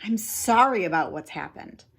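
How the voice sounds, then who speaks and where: A woman voicing an excitable young boy talking urgently and with exasperation in a read-aloud story. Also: mid-range voice, normal speed, gravelly, slightly rough. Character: excitable young boy, bossy big brother.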